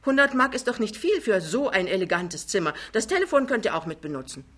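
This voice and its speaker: A woman's voice: medium pitch, sing-song, a little fast, a bit bright, slightly rough, voice pushed up. A woman voicing a vain, boastful older mother with a triumphant, theatrical manner in an audiobook reading.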